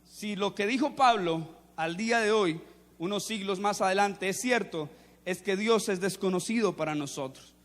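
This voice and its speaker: A male preacher giving a sermon to young people, telling anecdotes in a lively way and asking the audience questions. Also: high-pitched, normal speed. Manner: storytelling, animated, quizzes the audience. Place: church or seminar hall. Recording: echoey hall.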